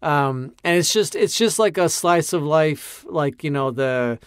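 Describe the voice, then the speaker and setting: A man's voice: fairly high pitch, unhurried, clean tone, no room sound, clean studio sound. A man co-hosting a podcast with casual, rambling, joking banter. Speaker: podcast co-host.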